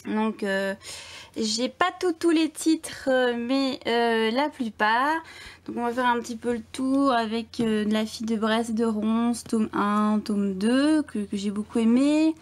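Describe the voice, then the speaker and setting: A woman's voice: a little high, measured pace. A young woman giving a casual bookshelf tour, chatty and hesitant with many fillers and restarts. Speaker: book blogger.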